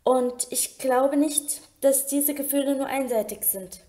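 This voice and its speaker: A woman voicing a spirited young woman in a storybook reading, pressing her point with lively questions. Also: high-pitched, measured pace, voice pushed up. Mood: doubtful.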